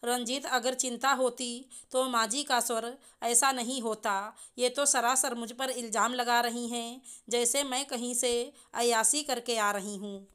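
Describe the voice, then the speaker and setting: A woman's voice: fairly high pitch, fairly even intonation, a little slow, hardly any pauses, fairly bright tone, clear, resonant tone. A woman voicing a young working wife who protests earnestly against being blamed. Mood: indignant.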